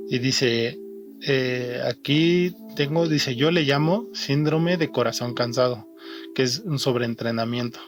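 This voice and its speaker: A young man from Mexico, telling his own story in a halting way, often repeating and restarting words. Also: medium pitch. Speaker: interviewed athlete. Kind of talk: personal testimony. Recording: faint music behind the voice.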